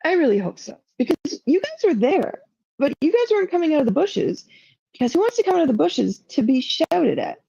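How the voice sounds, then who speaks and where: Woman streamer, casual livestream talk, emotional and rambling, dark gravelly tone, dry lo-fi sound. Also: high-pitched, big pitch swings, brisk, no echo. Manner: rambling, emotional, self-doubting; frequent "like" fillers.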